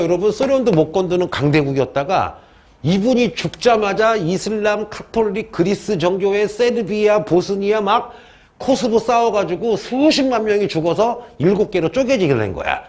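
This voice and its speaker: In a classroom history lecture, a man kids around with students and fields his own questions. His voice is high-pitched and a little mellow, with a slight hiss or hum in the background.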